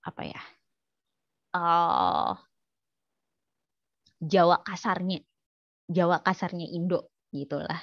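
A woman's voice: on the low side, dry recording, muffled recording. A woman teaching an online language lesson, quizzing her students in a chatty way with many fillers.

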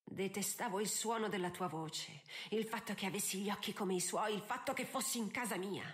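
A woman's voice: medium pitch, fairly quick, close to an everyday voice. A woman voicing a scornful, cruel stepmother countess who taunts coldly and without mercy, in an audiobook reading. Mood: mocking. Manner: cold, mocking and relentless.

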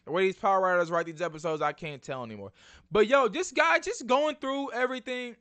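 A man's voice: high-pitched, fairly quick, smooth. A young man hosting his own video channel, breaking down a TV trailer in casual slangy chat and often calling out to his viewers. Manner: excitable, slangy, addresses viewers as y'all. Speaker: YouTube channel host.

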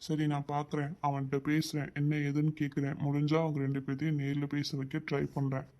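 Cartoon role: a man voicing a gentle older brother, mellow and slightly high, calm and reassuring. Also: fast talker, natural voice. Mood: soothing. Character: caring protective older brother, young adult man. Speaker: cartoon character. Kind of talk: cartoon voice acting.

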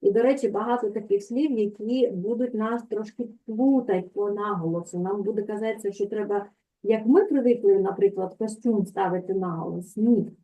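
A woman's voice: medium pitch, moderate pace, warm tone. A woman teacher giving an online language lesson, explaining patiently and checking in often with her students. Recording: tinny phone-like call audio.

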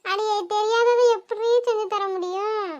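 A woman's voice: very high-pitched, fairly even intonation, moderate pace, lo-fi sound. A woman with a Kanyakumari Tamil accent voicing a short-tempered village mother who scolds her child. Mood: scolding. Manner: scolding, exasperated.

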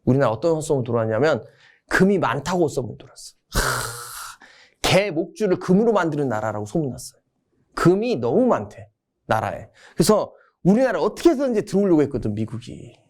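Lively storytelling male history lecturer. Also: on the high side, a little fast. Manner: casual, storytelling, acts out quotes. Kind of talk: exam-prep history lecture.

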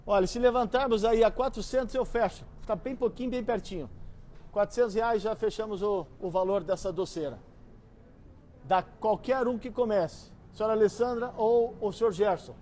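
A middle-aged man with a Brazilian accent working as an auctioneer, coaxing higher bids with repeated calls and pitching items to buyers. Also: normal speed, a little mellow, slight background noise. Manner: repetitive, coaxing bid-calling. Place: large busy antiques store hall, indoors.

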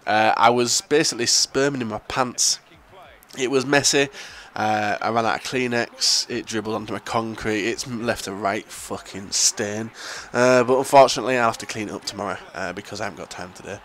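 A man's voice: on the low side, fairly even intonation, moderate pace, a bit bright, slight background noise. A young man with a Northern English accent giving casual gameplay commentary, full of crude, profane jokes. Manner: crude, joking, profane banter. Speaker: gaming YouTuber.

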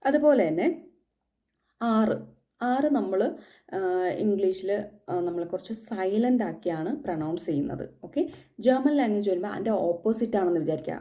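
A woman's voice: medium pitch, lively intonation, moderate pace, pauses often, warm tone. A woman from Kerala teaching the German alphabet in a casual spoken lesson, patiently repeating each letter.

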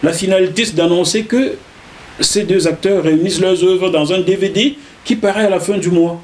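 Animated Cameroonian man telling his story. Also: high voice, brisk. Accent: Cameroonian French. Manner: animated, repeats words while telling a story. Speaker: interview guest, journalist. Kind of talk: casual interview storytelling.

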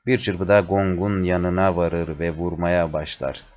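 A man slowly reading a play aloud, including the stage directions, in a measured way. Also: low-pitched, flat delivery. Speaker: reader. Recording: dull lo-fi recording.

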